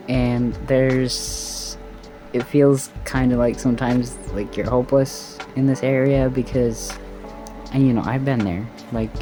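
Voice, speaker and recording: A vlogger with a sore throat after tonsil surgery, giving casual advice in a loose, rambling valley-girl drawl with plenty of swearing. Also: mid-range voice. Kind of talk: casual to-camera advice chat.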